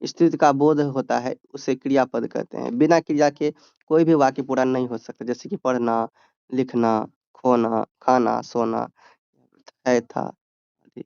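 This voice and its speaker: A man's voice: mid-range voice, little pitch movement, normal speed, creaky, a little mellow, clean tone, dry recording, muffled recording. A man tutoring students for an exam, explaining grammar step by step and answering his own questions. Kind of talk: exam-prep grammar lesson.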